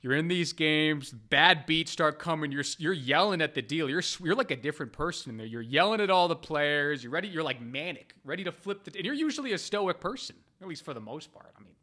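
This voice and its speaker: A man telling a casual, profane story about his own habits, swinging between loud animated bursts and low muttered asides. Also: fairly quick, hardly any pauses. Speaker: poker player vlogger.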